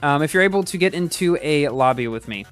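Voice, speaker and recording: A man's voice: a little high, animated, quick pace, a bit bright, clear, resonant tone, soft background music. A man streaming a racing game live, chatting casually and reacting aloud as he plays, often restarting his sentences.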